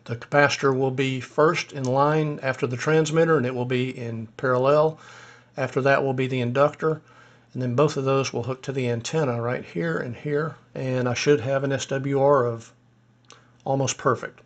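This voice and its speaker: Relaxed man walking through a tutorial. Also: medium pitch, normal speed, highs cut off. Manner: relaxed, explanatory, thinking aloud with fillers. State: a little hoarse. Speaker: ham radio hobbyist demonstrating software. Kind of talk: casual screen-recorded tutorial.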